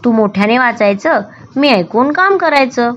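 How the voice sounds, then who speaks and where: A woman voicing an excitable young male rabbit in a storybook, with a high, pleading, fretful voice. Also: moderate pace, muffled recording, slight background noise, close to an everyday voice. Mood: eager.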